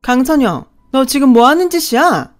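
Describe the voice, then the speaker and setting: A woman voicing a harsh stepmother who coldly scolds and shouts. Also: a little high, very animated, moderate pace, soft background music. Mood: cold, yelling. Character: harsh stepmother, cold and angry.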